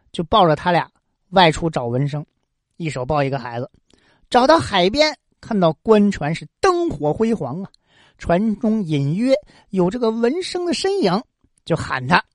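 Female storyteller for an expressive folk tale; lively pitch, dry close recording. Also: no echo. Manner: colloquial, expressive, with interjections.

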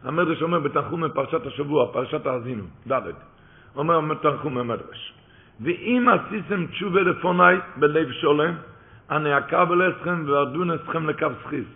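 Male preacher, emphatic and repetitive, chanted quotations; thin phone-quality sound. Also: a little high. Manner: emphatic, repeats key phrases, quotes sources in a chanting cadence. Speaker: rabbi. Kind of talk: sermon. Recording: tinny phone-like recording.

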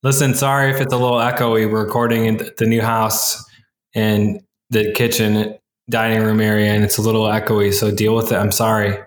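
A man's voice: lowish voice, level tone, fairly quick. Echoey, tunnel-like recording of a chatty man. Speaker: podcast co-host. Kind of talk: casual chat. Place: echoey kitchen and dining area of an unfurnished house. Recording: echoey, tunnel-like room sound.

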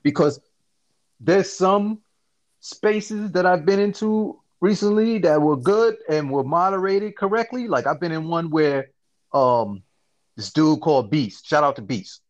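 A man hosts a casual podcast, talking in a fairly high voice. He tells his stories in an animated, slangy way and keeps checking in with his listener. The audio sounds dull and lo-fi. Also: a little slow. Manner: animated storytelling, slangy, frequent "you see what I'm saying". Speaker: podcast host. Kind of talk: casual chat.

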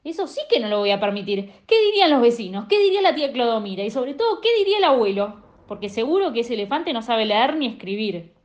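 A woman reading aloud puts on a fussy mother, her voice jumping high as she frets and laments. She talks in a melodramatic, pleading way. It is a storybook read-aloud on a dull lo-fi recording. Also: sing-song, quick pace. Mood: fussing. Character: fussy, dramatic mother of a young girl.

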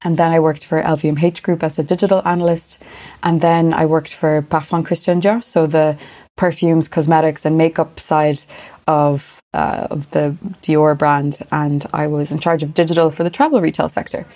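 A woman's voice: low voice, little pitch movement, moderate pace, dark tone. A woman from Galway with a west of Ireland accent, speaking conversationally as an interview guest. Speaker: podcast guest, luxury marketing professional.

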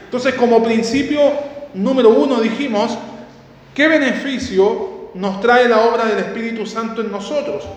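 High-voiced preacher in an echoing hall. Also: male voice, normal speed. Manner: asks the listeners questions and answers them himself; reads scripture aloud and repeats key words. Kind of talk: sermon. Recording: echoey hall with long reverb.

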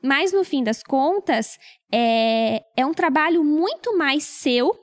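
A woman who is a psychologist, calmly explaining how therapy works in casual chat. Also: high voice, takes it slowly. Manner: calm, explanatory.

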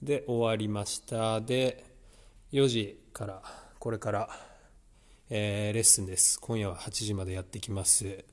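A man's voice: on the low side, fairly even intonation, measured pace, a little hiss or hum. A man talking casually to a vlog about his training, thinking aloud in a reflective, conversational way. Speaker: vlogger.

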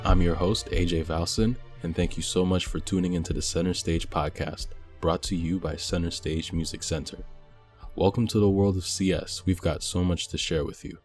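A man hosting a podcast, opening the show in a smooth announcer manner. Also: sits low, steady tone, moderate pace, darkish tone, faint music behind. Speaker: podcast host.

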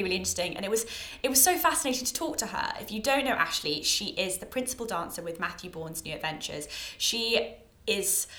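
Podcast host: British woman, early twenties, mid-pitched, gushing and informal, echoey home-made sound from under a towel. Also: fairly bright tone. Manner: effusive, self-deprecating, emphatic. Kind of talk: chatty, informal podcast monologue. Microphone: own bought podcast microphone. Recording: echoey homemade podcast recording.

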